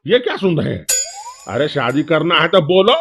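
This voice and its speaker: A man's voice: on the high side, big pitch swings, fairly bright tone, a little hiss or hum. A man voicing a mocking village friend. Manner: mocking, quick banter. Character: teasing village friend gossiping by fire. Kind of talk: cartoon comedy voice acting.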